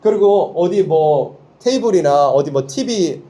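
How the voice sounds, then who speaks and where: A male preacher teaching students at a Bible school, with a mellow, dark voice that swings widely in pitch. He sits a little high for a man and drives his points with emphatic rhetorical questions. He often has the room repeat short lines after him. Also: lively intonation, unhurried. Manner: leads call-and-response, has listeners repeat lines. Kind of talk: sermon to students.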